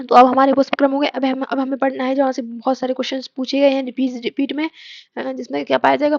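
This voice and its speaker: Brief: high, gravelly female teacher, hoarse with a cold, quizzes and answers herself, dull dry lo-fi audio. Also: dry recording. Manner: asks the class questions and answers them herself; slows down to chant mnemonic lines. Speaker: biology teacher. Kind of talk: exam-prep lesson with memory tricks.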